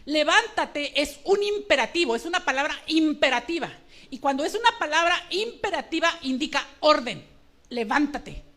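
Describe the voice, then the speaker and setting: Woman, high-pitched, emphatic sermon, emotional. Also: expressive, normal speed, fairly bright tone. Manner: passionate, emphatic, addresses the congregation directly. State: emotional, trembling. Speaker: preacher.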